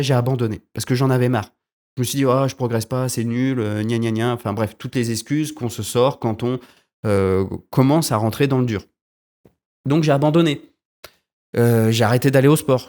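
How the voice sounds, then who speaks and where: A man's voice: mid-range voice, a little mellow. A young man hosting his own podcast in a casual, rambling monologue at home, restarting and correcting himself often. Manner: rambling, self-correcting, frequent hesitations. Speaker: podcast host. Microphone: desk podcast mic.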